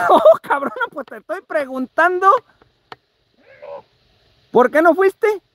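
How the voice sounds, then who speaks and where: A man's voice: very high voice, lively intonation, slow, a bit bright, dry recording. A Mexican man live-streaming a vlog in casual chat, teasing and swearing freely. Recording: noisy live-stream audio.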